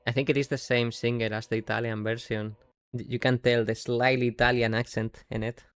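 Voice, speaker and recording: A man's voice: mid-range voice, level tone, a little fast, a bit bright, dry recording. A man with a Yorkshire accent, chatting casually while streaming a game, rambling and breaking off mid-sentence. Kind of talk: casual live-stream commentary.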